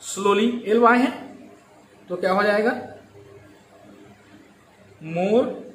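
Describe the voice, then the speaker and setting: Guy teaching grammar, high voice, echoey room. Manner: slow and explanatory, repeats key words and drawing out examples. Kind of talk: grammar lesson. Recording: echoey room with faint ambient noise.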